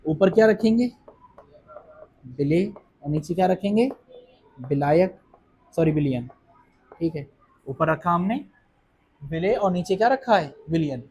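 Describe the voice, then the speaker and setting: A man's voice: on the high side, lively intonation, unhurried, long pauses, darkish tone, slightly rough. A male chemistry teacher with a Hindi accent lecturing a class. He keeps asking questions and answering them himself, and reassures students that it is not hard.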